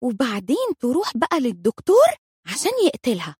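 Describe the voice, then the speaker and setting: A woman's voice: fairly high pitch, huge pitch swings, a little fast, darkish tone, breathy edge, no room sound, clean studio sound, full character voice. A woman doing a self-assured little girl, Egyptian. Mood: confident. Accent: Egyptian Arabic. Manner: self-assured, matter-of-fact. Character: confident little girl explaining grown-up things.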